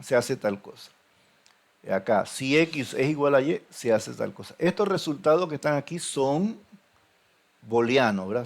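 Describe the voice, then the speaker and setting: Guy with a gravelly voice teaching a coding class, lots of ums, keeps asking "see?". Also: mid-range voice. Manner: hesitant, many fillers and restarts, checks in with "¿ven?". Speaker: programming teacher. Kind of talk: recorded classroom lecture.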